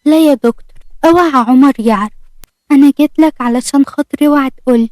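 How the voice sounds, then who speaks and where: A nervous young woman from an audio storybook, put on by a female narrator, speaking in an Egyptian accent in a slightly high, mellow tone. she confides her fears in a hushed, pleading way. the recording sounds close and dry. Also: fast, no room sound, natural voice. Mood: worried, pleading. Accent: Egyptian Arabic. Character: anxious young woman hiding her illness.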